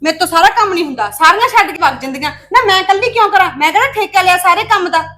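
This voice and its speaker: A woman plays a quarrelsome housewife with a very high, bright voice and a Punjabi accent. She rattles off her complaints quickly. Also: lively intonation, exaggerated voice. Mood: complaining. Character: housewife complaining about chores, sharp-tongued.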